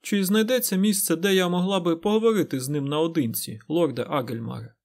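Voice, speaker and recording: A man voicing a calm, stern woman sorceress who speaks in a measured way. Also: fairly high pitch, voice pushed up, lightly acted.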